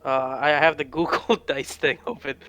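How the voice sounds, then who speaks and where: A man playing in a tabletop game over an online call, tentative and unsure of himself. His voice is smooth and clear but stays flat in pitch. Faint music runs underneath. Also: normal speed. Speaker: player. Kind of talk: casual tabletop play.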